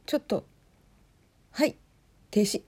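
A woman hosting a casual talk, commenting in hushed whispers while she watches a concert stream at home. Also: takes it slowly. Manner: speaks softly in hushed whispers; chatty, reacts aloud to what she sees. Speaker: podcast host watching a livestream.

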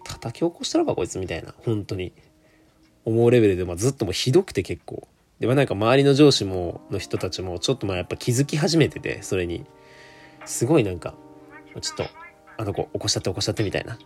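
A man's voice: fairly low pitch, big pitch swings, fast, darkish tone, faint music behind. A young man, telling a work story in a chatty solo monologue full of asides. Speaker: solo podcaster. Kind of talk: casual monologue.

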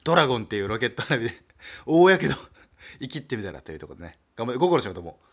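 A male comedian from Nagasaki in a relaxed, self-deprecating solo talk, chuckling often and padding his speech with fillers. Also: medium pitch, racing, slightly rough. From Nagasaki, Japan. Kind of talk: casual solo talk monologue.

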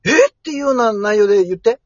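A man's voice: high-pitched, fast talker, darkish tone, no echo, muffled recording. A man co-hosting a casual talk show, cutting in bluntly with teasing remarks. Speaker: co-host.

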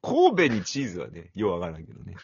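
A man's voice: sits low, huge pitch swings, quick pace, vocal fry, husky, lo-fi sound. A young man co-hosting a casual podcast chat, joking and laughing often. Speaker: podcast co-host.

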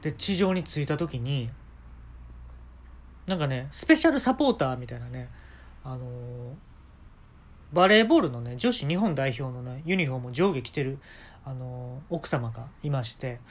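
A man with a Kansai accent telling an absurd story in a casual, deadpan, rambling way with many asides. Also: medium pitch, normal speed, pauses often. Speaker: podcast talker.

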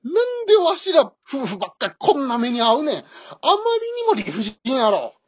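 A woman's voice: on the high side, sing-song, moderate pace, husky, dry recording. A woman voicing a timid, grumbling elderly husband with a Kansai accent in an amateur radio drama, whiny and easily scared. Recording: dull dry lo-fi recording.

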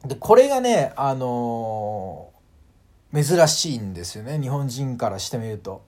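A man hosting a casual solo audio talk, animated and full of fillers, acting out sounds as he explains. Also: mid-range voice, measured pace. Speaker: podcast host.

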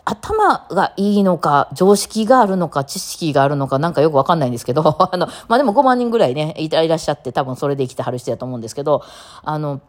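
A woman's voice: deep voice, expressive, fast. A woman with a Kansai accent hosting a casual solo talk show, rambling chattily and laughing often between many fillers. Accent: Kansai Japanese. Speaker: podcast host.

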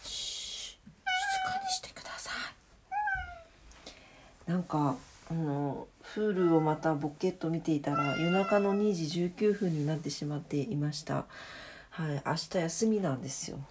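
A woman's voice: sits low, moderate pace, darkish tone, a little hiss or hum. A woman hosting a casual late-night solo audio diary, speaking in a polite, chatty, self-deprecating way. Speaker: solo audio diary host, radio-DJ style greeting.

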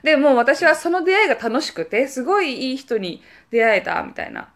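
明るい関西なまりの若い女性が、くだけた雑談の中で身振りたっぷりに旅先の思い出を語る。. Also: female voice, high-pitched, a little fast. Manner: animated, acts out quoted voices. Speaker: podcast co-host. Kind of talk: casual storytelling chat.

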